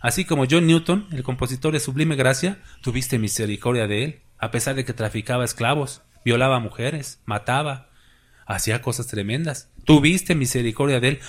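A man preaching a sermon as pastor, with emphatic rises and drops, asking the congregation questions. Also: medium pitch.

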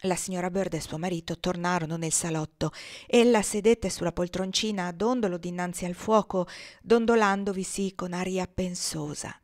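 A woman narrating a classic novel as an audiobook, in a calm, even reading voice. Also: lowish voice, moderate pace, dry recording, clean studio sound. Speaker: audiobook reader.

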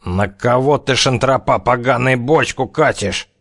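A man voicing a cocky, menacing gangster who threatens in slow, drawling criminal slang. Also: medium pitch, a bit bright, voice pushed up. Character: tough one-eyed-gouging gangster, cocky, menacing.

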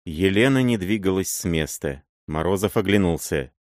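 Мужчина-чтец с низким голосом. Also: male voice, deep voice, animated, dry recording, clean studio sound. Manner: measured, dramatic reading. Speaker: audiobook reader. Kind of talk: literary audiobook narration.

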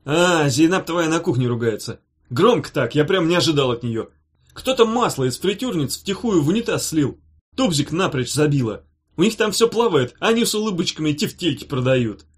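Storybook role: brash prankster, loud and slangy, a bit high, voiced by a man. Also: expressive, normal speed, slightly rough. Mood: boisterous. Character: rowdy cheerful young man, prankster. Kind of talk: audiobook character voice.

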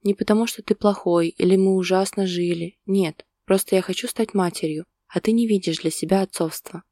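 A woman's voice: medium pitch, fairly even intonation, a little fast, no room sound, studio quality, close to an everyday voice. A woman voicing Lena, a heartbroken young woman. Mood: sorrowful. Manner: quiet, tearful, resolute pleading.

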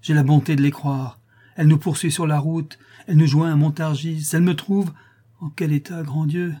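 A man's voice: medium pitch, normal speed, dark tone, husky, close to an everyday voice. A man reading aloud, voicing a jealous, furious young countess with an imperious, scolding manner. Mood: accusing.

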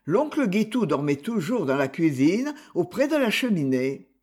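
A man narrating a classic novel as an audiobook, in a measured and expressive way. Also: sits high. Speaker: audiobook reader.

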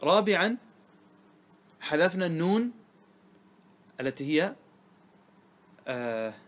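A man's voice: a little high, very animated, slow, a bit bright. A man, a religious scholar, teaching a grammar lesson to a class, often quizzing his students and repeating the key points.

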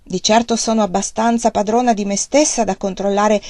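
A woman's voice: medium pitch, steady tone, brisk, dark tone, dry recording, lightly acted. A woman voicing a proud, reserved young Victorian lady who speaks in a cool, guarded way. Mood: troubled.

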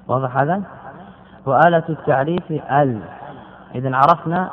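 A man giving a classical Arabic grammar lesson, drilling word forms by repeating them slowly and putting questions to his students. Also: fairly high pitch, a little hiss or hum. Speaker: grammar teacher. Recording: tinny phone-like lecture recording.

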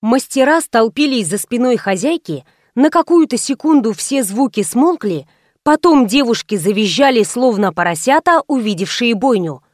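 A woman narrating a first-person story with wry liveliness. Her voice sits a little high, and the recording is dry and close. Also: animated, moderate pace, dry recording. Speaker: audiobook narrator.

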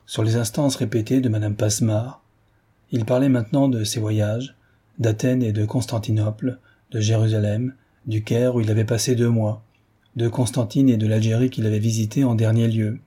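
Husky-voiced male novel narrator. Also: fairly low pitch, little pitch movement, moderate pace, dark tone. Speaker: audiobook narrator. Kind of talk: scripted narration of a classic novel.

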